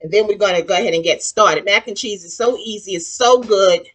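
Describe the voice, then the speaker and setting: A woman in her sixties with a Southern US accent, hosting a casual cooking demonstration in her home kitchen and chatting warmly and folksily with viewers. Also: medium pitch, fairly quick. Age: 60s. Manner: chatty and folksy, calls viewers honey and child. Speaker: cooking show host.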